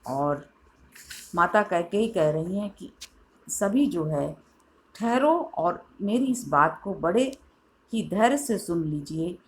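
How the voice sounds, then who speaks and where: Woman teacher, middle-aged, slow and lowish voice, reads verse with emphasis, faint noise. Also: lively intonation. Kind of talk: Hindi poetry lesson, reading and explaining verses.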